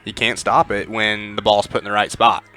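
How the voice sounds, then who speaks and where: A man giving conversational pregame football commentary, with lots of filler words and animated storytelling. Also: on the low side, moderate pace. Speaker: sports commentator.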